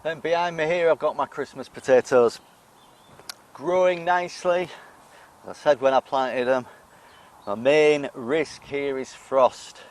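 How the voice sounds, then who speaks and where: A man's voice: mid-range voice, a little slow, long pauses. Chatty British man touring his allotment. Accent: British English. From United Kingdom. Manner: chatty, self-deprecating, talks while eating. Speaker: allotment vlogger. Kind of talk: casual garden vlog walk-through. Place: outdoor allotment garden.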